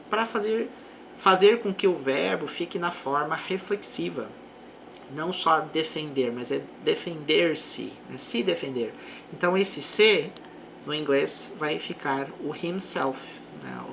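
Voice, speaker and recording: A woman teaching an English lesson, reading example sentences slowly and then explaining them more quickly. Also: low-pitched, vocal fry, slight background noise. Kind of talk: language lesson.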